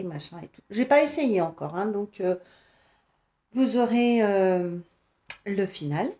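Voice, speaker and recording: Slow, hesitant French woman sewing vlogger. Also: a little high, dark tone. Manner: hesitant, thinking aloud with many fillers. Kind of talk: casual chat to camera.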